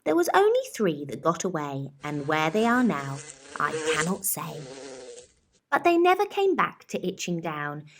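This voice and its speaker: A storyteller with a deep female voice reads a children's picture book with great expression, her pitch swooping wildly as she draws out words in a dramatic, rhythmic, rhyming delivery. A slight hiss or hum sits under the recording.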